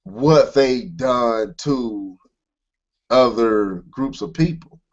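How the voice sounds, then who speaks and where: A podcast co-host chats casually, his medium-pitched voice animated but very slow as he talks earnestly and emphatically, circling back and restarting. The recording has its highs cut off.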